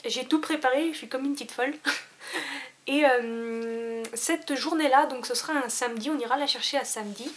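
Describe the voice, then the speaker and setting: A woman's voice: high voice, moderate pace. A young woman talking casually to camera as a vlogger, chatty, with many fillers and restarts. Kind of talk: casual vlog chat.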